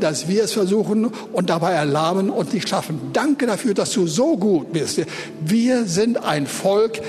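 Earnest high-voiced preacher in a reverberant hall. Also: male voice, darkish tone. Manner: earnest, addresses the congregation directly. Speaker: pastor. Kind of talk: sermon and prayer. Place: church hall.

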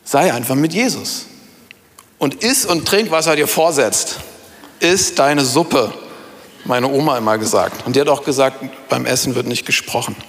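Before a congregation in a church hall, a middle-aged man preaches emphatically, speaking straight to the people. His voice is a little high, expressive and a little slow, and the reverberant recording carries a slight hiss or hum.

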